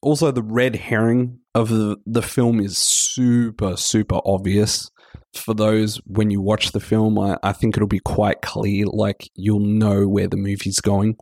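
A man's voice: lowish voice, darkish tone, dry recording, clean studio sound. Sick-voiced man reviewing a film. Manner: chatty, loose, self-correcting. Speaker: podcast host, film reviewer. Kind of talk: casual spoken review.

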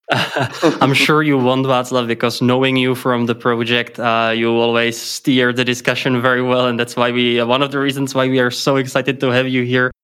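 A man's voice: medium pitch, little pitch movement, normal speed, a bit bright, smooth. Czech-accented male podcast co-host. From Czech Republic. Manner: chatty, laughs often, many fillers. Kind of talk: casual podcast chat.

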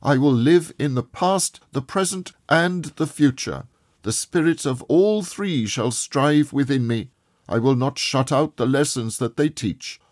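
A man's voice: on the low side, animated, measured pace, darkish tone, dry recording, studio quality, voice pushed up. Scrooge, a man playing a desperate old miser. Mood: anguished pleading. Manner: desperate, rising to anguished cries. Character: old miser, terrified and pleading.

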